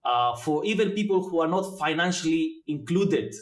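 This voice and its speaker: A man in his forties, originally from Greece, answers questions about his background as an interview guest. His voice sits slightly high for a man and carries an echo from the room. He pauses often with fillers while he thinks out loud. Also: expressive. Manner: thoughtful, many filler pauses. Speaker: guest, blockchain educator. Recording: echoey room.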